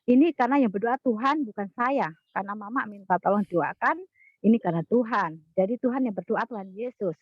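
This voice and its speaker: A woman's voice: mid-range voice, dry recording. Earnest woman, dull dry call audio. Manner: earnest, halting, repeats herself. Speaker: participant in an online class. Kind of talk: telling a personal testimony.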